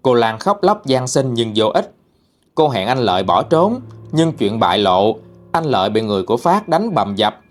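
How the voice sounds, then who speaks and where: A man with a Southern Vietnamese accent, hosting a channel and narrating ghost stories in a dramatic, expressive way. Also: medium pitch. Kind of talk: storytelling narration.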